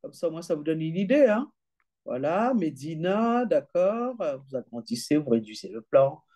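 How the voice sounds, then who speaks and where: A woman's voice: low-pitched, sing-song, warm tone. A woman chatting her way through an app demonstration, reading prices aloud and tagging sentences with little fillers. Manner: chatty, peppered with "hein" and "d'accord"; reads prices and numbers aloud slowly. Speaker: travel deals presenter.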